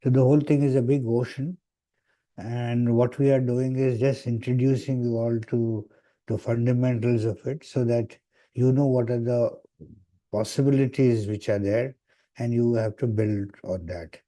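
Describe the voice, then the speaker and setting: A man's voice: mid-range voice, fairly even intonation, normal speed, warm tone. A man giving an online lecture, heard over a video call, hesitant with frequent "uh" fillers. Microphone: computer mic on a video call.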